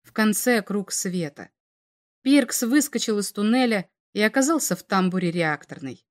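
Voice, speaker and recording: A woman reading science fiction aloud as an audiobook narrator, measured and dramatic. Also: mid-range voice, lively intonation.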